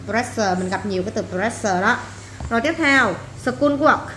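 A woman's voice: on the high side, normal speed. A woman English teacher runs a vocabulary drill in a classroom. She says each word, repeats it and then explains it plainly. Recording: echoey room, faint background noise.

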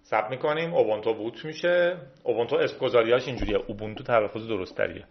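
Recorded with muffled sound, this mid-range male voice belongs to a tech video host from Iran. He chats casually as he works through menus in a screen-capture tutorial.

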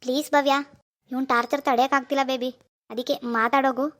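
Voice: high voice, little pitch movement, a little fast, a bit bright. A voice actor doing wheedling cartoon boyfriend Sanju. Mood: pleading. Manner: wheedling, begging repeatedly. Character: young boyfriend Sanju, pleading and clingy. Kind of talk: cartoon voice acting.

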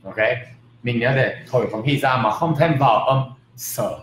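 A man's voice: medium pitch, faint music behind. Man teaching pronunciation in a roomy space. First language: not Vietnamese. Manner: lively, repeats example words slowly and emphatically. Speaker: English teacher. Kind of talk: casual video lesson in Vietnamese with English examples. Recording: roomy with faint background noise.

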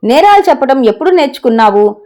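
A woman's voice: sits high, big pitch swings, quick pace, mellow. A woman voicing a defiant, quarrelsome wife.

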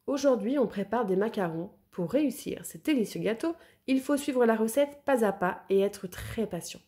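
A woman voicing a cheerful, gentle male baker friend in a children's storybook. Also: on the high side, expressive, moderate pace, lightly acted. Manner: cheerful, fond.

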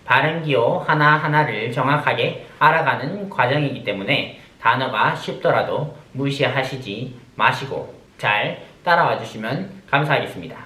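A man's voice: medium pitch, expressive, moderate pace, few pauses, pushed and bright, echoey room. A man teaching an online pronunciation lesson, drilling sounds one syllable at a time and cueing the listener to repeat.

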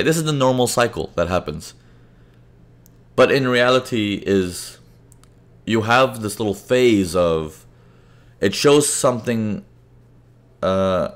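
A man presenting a live trading webinar, explaining charts conversationally and often checking in with his audience. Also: lowish voice. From Indian parents, raised in several countries. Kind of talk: live webinar teaching with chat questions.

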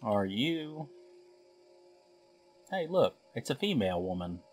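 A man's voice: medium pitch, sing-song, slow, a little mellow, slight background noise. A man giving a let's play commentary, thinking aloud as he puzzles through a game and drops wry asides, with game music behind him. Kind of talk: gameplay commentary.

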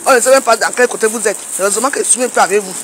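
A woman's voice: fairly high pitch, racing, fairly bright tone, a little hiss or hum. A woman in a casual vlog, scolding a rival with pointed rhetorical questions as she walks outdoors at a market. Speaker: social media commentator.

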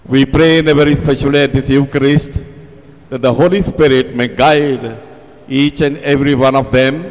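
An older parish priest speaks into a pulpit microphone in a large church. His delivery is unhurried and formal, his pitch sits mid-range, and each phrase trails off into a long reverb that hangs in the hall. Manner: slow, measured, formal. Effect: speaking at a pulpit microphone over the church speakers. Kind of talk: welcome address at a Mass.

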